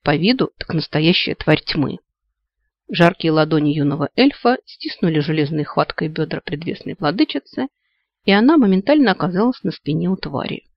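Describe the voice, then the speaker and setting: A man narrating a fantasy story in an expressive storytelling manner. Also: a little high, normal speed, no echo, lo-fi sound. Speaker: audiobook narrator.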